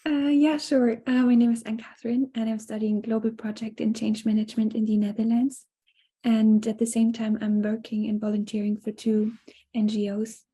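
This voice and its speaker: Woman on a video call, very dark husky voice, flat, intro'ing herself. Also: a little high, normal speed. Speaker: student and NGO volunteer. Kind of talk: casual self-introduction.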